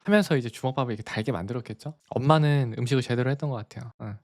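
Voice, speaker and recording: A man's voice: mid-range voice, very fast, darkish tone. A man casually retelling a cartoon story on a live stream, chatty and laughing often.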